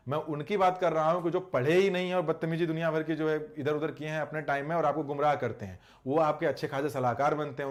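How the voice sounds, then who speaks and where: A man with a slightly higher voice leads a live online exam-prep lesson in English grammar. He keeps up a chatty patter with a scolding edge toward his students and slows right down to read out each example sentence. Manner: reads English sentences slowly. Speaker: English teacher.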